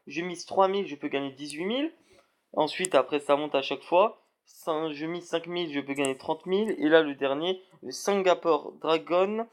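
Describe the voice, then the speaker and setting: Hesitant young man narrating a game. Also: fairly high pitch. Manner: hesitant, many fillers and restarts. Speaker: gaming video creator. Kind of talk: screen-recorded game walkthrough.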